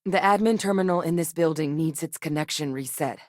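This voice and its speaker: In scripted dialogue for a space video game, a low-voiced actress portrays an earnest, composed middle-aged scientist and war veteran. Her delivery is articulate, measured and natural, and the recording is very dry.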